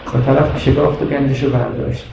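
A man's voice: mid-range voice, fairly even intonation, vocal fry, dark tone. Guy preaching a fiery sermon, lots of questions at the crowd, muffled recording w/ faint hiss. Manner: impassioned, rhetorical questions to the audience. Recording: echoey muffled hall recording with faint noise.

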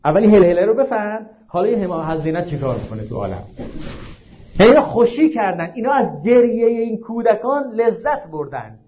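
A male preacher giving a religious sermon, asking the audience frequent rhetorical questions and slowing down to stress quoted lines. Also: high-pitched, sing-song, a little hiss or hum. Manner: slows down to recite and stress quotations. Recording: dull lo-fi recording.

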